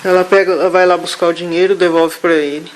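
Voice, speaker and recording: A man haltingly recounting a vision during a therapy session, with many restarts. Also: sits high, little pitch movement, low-quality recording. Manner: halting, hesitant, full of restarts. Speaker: therapy client.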